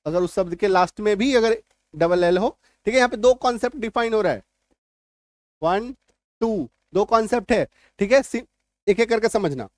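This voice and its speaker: A man's voice: high-pitched, lively intonation, moderate pace, no room sound. A man teaching English spelling rules, repeating points and checking if students follow. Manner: repetitive, reassuring, keeps checking understanding. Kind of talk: spoken lesson explaining spelling rules.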